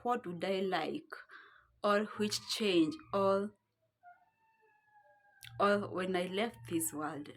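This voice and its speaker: Her words drawn out and broken by frequent pauses, a young vlogger with a Kenyan accent relates a casual story from her home, seated on the floor. Her voice sits on the low side, and she rambles while reaching for words.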